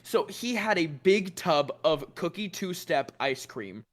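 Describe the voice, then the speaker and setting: Man, high voice, animated storyteller, casual podcast chat, laughs a lot. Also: measured pace. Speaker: cast member recalling a show.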